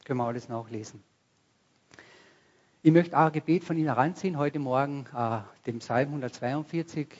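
A man's voice: mid-range voice, brisk. A man with a middle-range voice preaches a sermon to his congregation in a conversational way, putting questions straight to the listeners. The recording sounds somewhat dull and lo-fi. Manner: rises to loud bursts when quoting cries. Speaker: pastor. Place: church service before a congregation.

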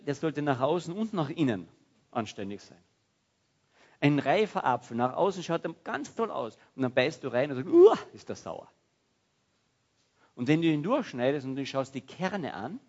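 A man preaching a sermon in a lively, conversational way. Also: a little high, moderate pace, dull audio. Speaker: pastor.

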